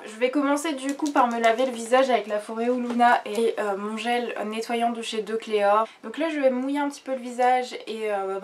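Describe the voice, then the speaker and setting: A young woman chatting casually while reviewing skincare products, rambling with many fillers and restarts, sitting on her bed. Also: fairly high pitch. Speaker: beauty vlogger. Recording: distant camera mic with faint room noise.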